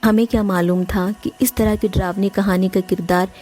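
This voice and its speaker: A woman's voice: medium pitch, fairly even intonation, normal speed, darkish tone. A woman narrating a first-person horror story in an earnest, emotional way, speaking directly to her listeners. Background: faint music.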